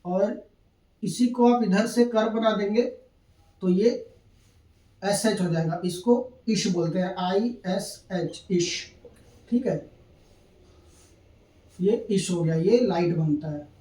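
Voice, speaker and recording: A man's voice: sits high, takes it slowly, long pauses, mellow. A man teaching shorthand at a board, patiently repeating each step and checking in with his students. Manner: patient, repeats steps, keeps checking in with "thik hai". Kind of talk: classroom lesson at a board. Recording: echoey room, mic at a distance.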